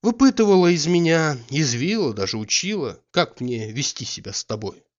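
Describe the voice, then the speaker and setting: A man's voice: a little high, very animated, normal speed, lo-fi sound, pitched above the performer's own voice. A man voicing a proud, hurt young noblewoman who speaks coolly and with reproach.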